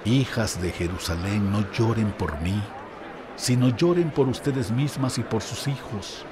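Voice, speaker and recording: A man voicing a solemn condemned teacher who speaks a calm, measured warning in a Bible reading. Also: on the low side, noisy background, natural voice.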